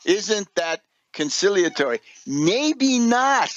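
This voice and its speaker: Reading articles aloud and commenting on them, this American radio host and political commentator is emphatic, opinionated and sardonic. He speaks slowly in a high-pitched, sing-song voice. The audio is dull, with no echo.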